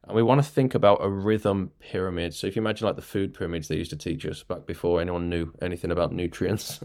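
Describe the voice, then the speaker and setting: A man's voice: low-pitched, steady tone, fast talker, creaky, darkish tone. A man, a music teacher and podcast host, explaining rhythm games in a chatty way. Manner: chatty, explanatory, claps and taps examples. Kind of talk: casual teaching talk.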